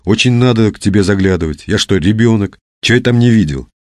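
A man's voice: fairly low pitch, expressive, fast talker, darkish tone, no room sound, clean studio sound, natural voice. A man voicing a curious, bickering young man in an audiobook, wry and sometimes indignant.

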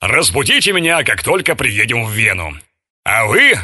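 A man's voice: medium pitch, big pitch swings, moderate pace, pushed and bright, heavily acted. A man voicing a jovial, gluttonous army chaplain who lectures pompously. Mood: commanding. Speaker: military chaplain.

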